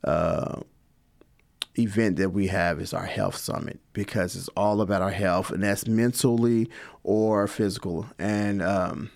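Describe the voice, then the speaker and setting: A middle-aged man, a guest in an interview, answering in a relaxed, rambling way with many fillers. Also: low-pitched, a little slow, gravelly. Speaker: guest, community organizer.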